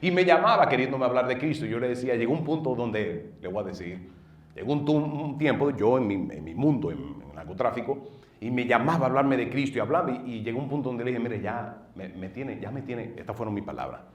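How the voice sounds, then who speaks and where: A middle-aged man with a Dominican accent, a pastor telling his personal testimony in an earnest way, going from loud bursts to low murmurs. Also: lively intonation, fairly quick, dull audio. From northeastern United States. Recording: roomy sound from a distant mic.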